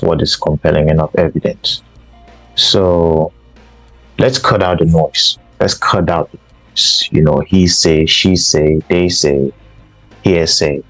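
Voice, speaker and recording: A man's voice: extremely low pitch, dry recording, rough recording. A man from Cameroon, hosting a podcast and giving an emphatic political commentary monologue. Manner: emphatic, repeats himself for stress. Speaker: podcast host.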